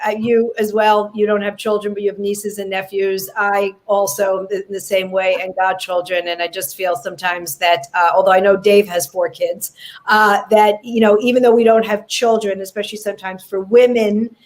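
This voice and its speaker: A woman's voice: medium pitch, level tone, moderate pace. A woman guest in a casual interview, earnestly explaining her children's book.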